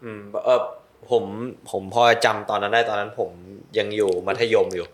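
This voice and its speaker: A man's voice: fairly low pitch, fairly even intonation, moderate pace. A young adult man hosting a podcast, talking in a casual way with crude slang, thinking aloud. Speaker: podcast host.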